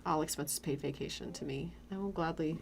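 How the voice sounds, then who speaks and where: A woman hosting a casual chat in an animated, teasing way, her S sounds coming out with a whistle. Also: low voice, brisk, creaky, a loud crowd. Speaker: host.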